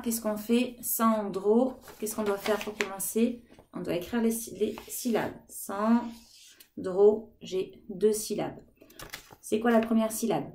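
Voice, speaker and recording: A woman in a kindergarten teacher's role speaks slowly and clearly to young children, gently encouraging them as she counts aloud. Her pitch sits in an ordinary middle range. A faint hiss of noise runs under the recording. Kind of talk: remote lesson for young children.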